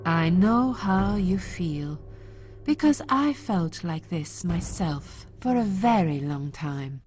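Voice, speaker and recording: A woman's voice: lowish voice, expressive, takes it slowly, a little mellow, a little hiss or hum. An actress voicing a sinister, controlling otherworldly woman in a video game, solemn and menacing. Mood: solemn, coaxing.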